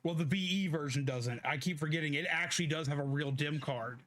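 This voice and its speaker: A man's voice: fairly high pitch, a little fast, fairly bright tone. A man giving casual gaming commentary as he streams. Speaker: game streamer. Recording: faint background noise.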